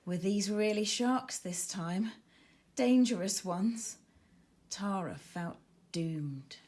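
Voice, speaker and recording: A woman with a mid-range, somewhat dark voice reads her own children's book aloud. She goes slowly, narrating expressively and leaning on dramatic emphasis.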